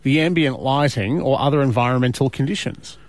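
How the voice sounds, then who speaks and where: A man's voice: mid-range voice, a little fast, no echo. A man with an Australian accent hosting breakfast radio in a studio, playful and teasing, often laughing as he talks. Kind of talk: casual radio banter.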